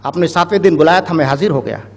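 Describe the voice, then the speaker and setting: A man voicing a boastful male fan peddler who hawks his goods loudly and pleads respectfully with a king. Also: fairly high pitch, quick pace, creaky, voice pushed down. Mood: pleading. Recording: echoey hall.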